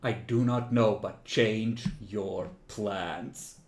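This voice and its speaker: A man's voice: lowish voice, steady tone, extremely slow, a little mellow. Man voicing a stern vampire prince, echoey room. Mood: stern, urgent. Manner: stern, cryptic, formal commands. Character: commanding, secretive vampire prince on the phone.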